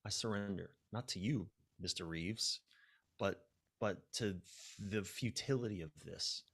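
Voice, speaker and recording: His voice sits on the low side, unhurried and slightly rough. He's an American relationship coach guesting on a podcast, telling personal stories candidly with self-deprecating humor and acting out what went on in his head.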